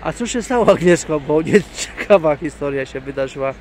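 In a noisy outdoor phone recording, a man films his family outside and in a shopping mall, narrating a casual vlog. His voice is a little high and darkish, with lively intonation and a slightly fast pace, and he chats with dry joking asides.

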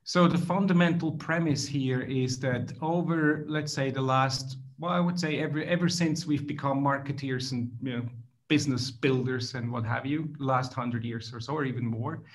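Over a video call from a plain room indoors, a middle-aged Swiss author with a Swiss accent gives thoughtful interview answers, often starting phrases over. He speaks at normal speed in a medium-pitched voice.

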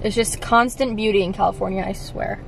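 A woman's voice: mid-range voice, brisk, vocal fry. A young woman in her twenties vlogging casually in an upbeat, chatty way, often saying "like" and "so cute". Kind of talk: casual vlog narration. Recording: handheld phone vlog with steady background noise.

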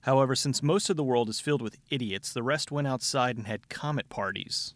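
A man's voice: medium pitch, brisk, dry recording. A man giving a sardonic, scripted comedic movie recap as a show host, with dry wit. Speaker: film review show host. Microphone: close studio voice-over mic.

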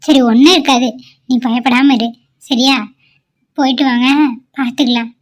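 A woman's high-pitched voice, evenly pitched and at a moderate pace, brings to life a cartoon mother-in-law in middle age. That character is caring and anxious, alternately soothing and fretful, and calls on god.

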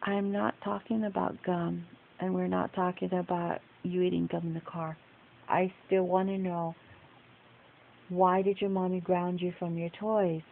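A woman's voice: lowish voice, flat delivery, measured pace, vocal fry. Firm woman questioning, tinny phone clip. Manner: firm, patient, repeatedly questioning. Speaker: relative questioning a child on video. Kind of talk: home video chat. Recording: tinny lo-fi phone recording with hiss.

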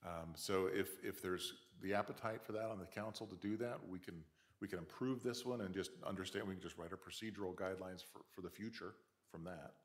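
A man serving as city manager, laying out procedures in a measured way at a council meeting. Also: low voice.

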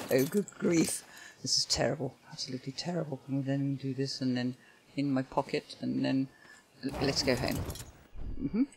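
This older woman's voice is gravelly and medium in pitch, with background noise and game music behind it. She plays and comments in casual let's-play style as a gaming video host, talking to her game's creatures with frequent sighs and exclamations.

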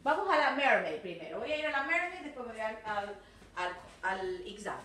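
High, lively Argentine woman teacher. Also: normal speed, echoey room, far from the mic, slight background noise. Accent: Argentine Spanish. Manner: switches between Spanish and English, coaxing with constant "¿sí?" and "¿ok?". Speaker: English teacher. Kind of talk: recorded class feedback to young pupils.

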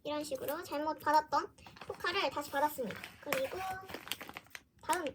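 A woman chatting casually through an unboxing for her fan vlog, often exclaiming softly as she goes. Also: sits high, a little fast, heavy background noise. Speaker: fan vlogger.

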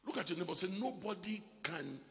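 A man preaching a live church sermon as bishop, swinging between loud emphatic calls and quiet asides. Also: high voice, animated, fairly quick, creaky, in a large hall.

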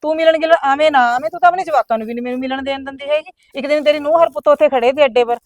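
Woman acting as a touchy younger village sister, high voice, complains super fast. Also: no room sound, close to an everyday voice. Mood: aggrieved. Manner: complaining, rapid-fire grievances. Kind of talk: village family drama acting.

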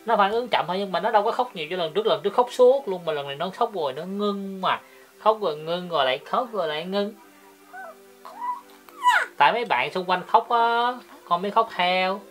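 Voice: mid-range voice, expressive, fairly quick, a bit bright, faint music behind, lightly acted. A parent voicing a chatty, cheerful toddler girl in a sing-song baby-talk lilt for a home video.

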